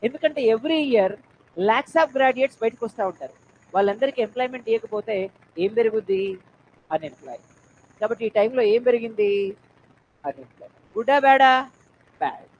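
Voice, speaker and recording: A woman with a Telangana Telugu accent giving a classroom lecture on economics, quizzing her students and urging them to answer loudly, with English terms mixed into her speech. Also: fairly high pitch, muffled recording, a little hiss or hum. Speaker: economics teacher.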